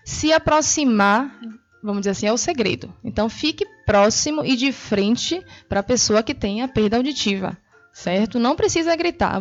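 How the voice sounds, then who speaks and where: A Brazilian woman speech therapist explaining hearing care clearly and patiently in an interview. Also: on the high side. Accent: Brazilian Portuguese. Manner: clear, didactic, reassuring. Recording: dull lo-fi broadcast audio.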